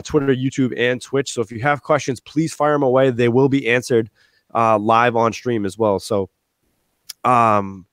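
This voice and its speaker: A man's voice: medium pitch, dry recording. Casual young man hosting a video call. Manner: relaxed, quick, lots of fillers and restarts. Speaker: live clinic host and high school football coach. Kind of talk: casual live-stream presentation. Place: small room at home. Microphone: earphone mic on a video call.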